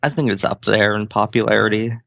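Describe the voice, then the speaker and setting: A man's voice: fairly low pitch, brisk, gravelly, a bit bright. Hesitant man on a dull line. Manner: hesitant, unsure answers. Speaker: guest on a stream.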